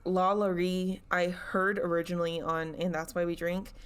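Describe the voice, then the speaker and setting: A young woman with a slightly low voice tells a story on a podcast. She talks in a chatty, casual way and breaks into small giggles and asides as she goes. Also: little pitch movement, normal speed, clear, resonant tone. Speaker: podcast co-host telling the story.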